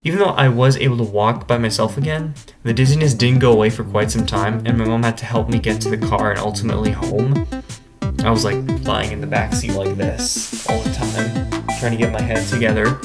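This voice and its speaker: A man's voice: on the low side, steady tone, a little fast. A man vlogging, casually telling a personal story to camera in a conversational way. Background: instrumental music.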